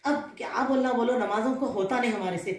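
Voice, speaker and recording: A woman's voice: a little high, brisk. A woman religious scholar giving an earnest sermon to women, often putting questions to her listeners. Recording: roomy echo.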